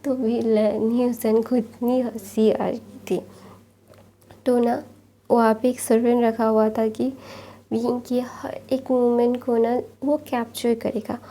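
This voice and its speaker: A woman casually retelling a fan fiction story, chatty and full of fillers. Her voice is somewhat high but very dark and mellow, with a flat, even melody. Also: slow pace. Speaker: story narrator.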